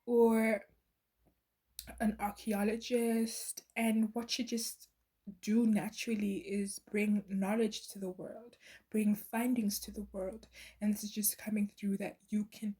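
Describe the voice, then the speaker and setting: A woman's voice: mid-range voice, flat delivery, takes it slowly, mellow, breathy edge. A woman giving a channeled tarot reading to her viewers, earnest and meandering, with many fillers and restarts. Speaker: tarot reader.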